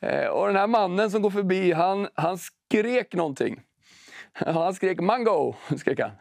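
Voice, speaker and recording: Male preacher, casual storytelling sermon; high voice with a gravelly edge, close and dry. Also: animated, dry recording. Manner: conversational, storytelling, slow and emphatic when reading scripture. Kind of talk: sermon with prayer and personal story.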